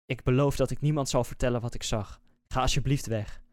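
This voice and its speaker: A man's voice: medium pitch, steady tone, a little fast, darkish tone, no echo, clean studio sound, lightly acted. A man voicing a frightened young boy who pleads in a scared voice. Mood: pleading.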